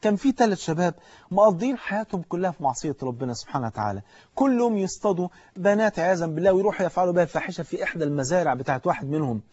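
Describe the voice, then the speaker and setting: A man's voice: high voice, lively intonation, rapid-fire, darkish tone, no echo, lo-fi sound. A man with an Egyptian Arabic accent preaching a sermon, fervently urging the listener directly.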